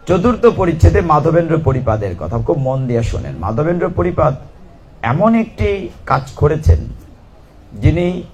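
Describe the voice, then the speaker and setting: A man with a somewhat high voice preaches a devotional sermon, telling a sacred story in an unhurried storytelling way. He stops often to ask the listeners questions and breaks into chanting. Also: sing-song, darkish tone, slight background noise. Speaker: Gita reciter and preacher. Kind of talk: devotional scripture reading and storytelling.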